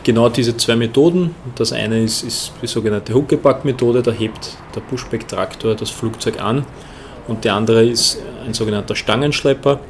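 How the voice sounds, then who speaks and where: A man with an Austrian accent giving measured, explanatory interview answers as a ground handling manager. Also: mid-range voice, a little hiss or hum.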